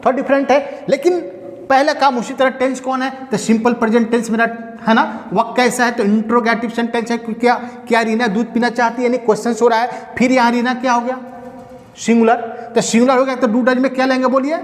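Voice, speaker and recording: A man's voice: extremely high pitch, level tone, a little fast. A man with a Bihari Hindi accent teaching a grammar lesson to a class, asking questions and answering them himself. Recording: echoey hall with long reverb.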